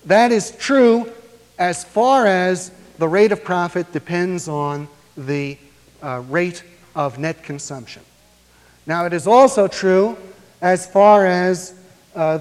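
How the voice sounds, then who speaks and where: Measured male lecturer in an echoing hall. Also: on the high side. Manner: measured, deliberate explaining with frequent "uh" pauses. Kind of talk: academic lecture. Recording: long reverb of a lecture hall.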